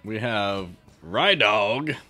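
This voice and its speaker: A man's voice: fairly low pitch, expressive, extremely slow, sharp tone, faint music behind. A man in a casual chat show keeping score, joking wryly and laughing often. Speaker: scorekeeper, panelist.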